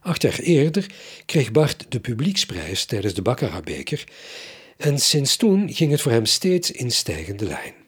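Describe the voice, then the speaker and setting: A man's voice: mid-range voice, sing-song, measured pace, husky. A man interviewing a songwriter and narrating between stories with short prompting questions.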